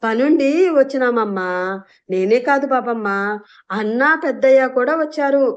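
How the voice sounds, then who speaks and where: A woman voicing a loud, naive village henchman who talks in rough rustic dialect. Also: sits high, normal speed, natural voice. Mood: shouting rustic. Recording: dull lo-fi recording.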